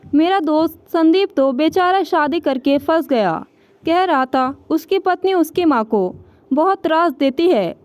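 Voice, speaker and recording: An earnest young husband from a storybook who is proud of his wife, read by a woman narrator. The voice stays high and plain, recorded close and dry. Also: lively intonation, unhurried, darkish tone, no echo. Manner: earnest, praising.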